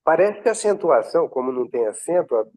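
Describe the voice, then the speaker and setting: A man from Brazil, a student in an online class, sharing an observation haltingly with many restarts. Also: on the high side, very animated, warm tone. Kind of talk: class discussion. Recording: tinny phone-like line.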